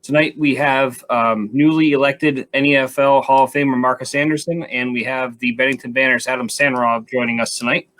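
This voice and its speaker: A male host leads a live interview at an ordinary, middle pitch. He asks his questions loosely and chattily. His talk is full of fillers and restarts. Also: little pitch movement, a little fast, hardly any pauses, a bit bright. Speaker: show host. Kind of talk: casual interview hosting.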